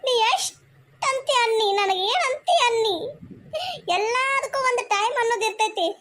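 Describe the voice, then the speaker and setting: A woman's voice: extremely high pitch, steady tone, normal speed, fairly bright tone. A woman with a North Karnataka accent voicing a devout, childless young wife in a cartoon, tearful and pleading. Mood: hurt. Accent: North Karnataka Kannada.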